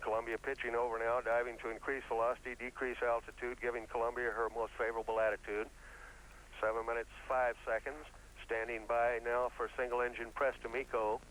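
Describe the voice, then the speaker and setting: A man's voice: medium pitch, flat delivery, brisk, a bit bright. A man giving matter-of-fact mission control radio commentary, calling out technical figures. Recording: faintly noisy radio feed.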